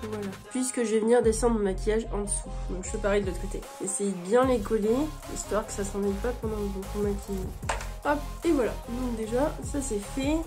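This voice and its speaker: A woman narrating a makeup tutorial as a beauty vlogger, explaining each step in a relaxed way. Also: medium pitch, a little fast. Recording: music playing behind the voice.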